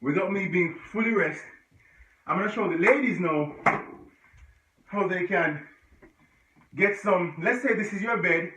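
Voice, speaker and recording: A man's voice: high voice, unhurried, pauses often, bright, forceful tone, a little hiss or hum. A man leading a home workout, chatty and encouraging, sometimes out of breath and grunting between exercises. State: out of breath at times. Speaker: fitness instructor. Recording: echoey room, far from dull mic.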